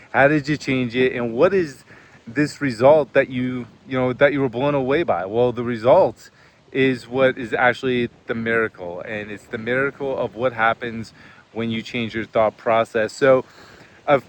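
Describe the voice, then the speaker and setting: Man, middle pitch, earnest, chatty, motivational talk, informal storytelling. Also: fairly even intonation, measured pace. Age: adult, served in the military. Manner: earnest and conversational, with many fillers. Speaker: host.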